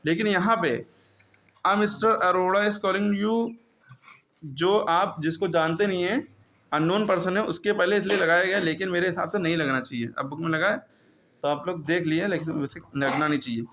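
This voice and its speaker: Bright-voiced male grammar teacher. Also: on the high side, a little fast. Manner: repetitive questioning of pupils. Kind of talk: classroom grammar lesson.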